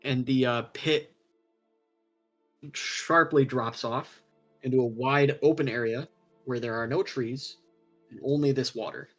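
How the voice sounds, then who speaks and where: A man narrating as game master, setting scenes calmly and answering rules questions. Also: medium pitch, measured pace, pauses often, soft background music. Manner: calm, descriptive scene-setting.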